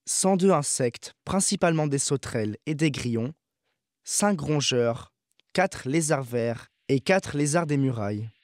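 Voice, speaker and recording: A man narrating a nature documentary from a script, in a measured, factual, observational manner. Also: medium pitch, lively intonation, a little mellow, dry recording, studio quality.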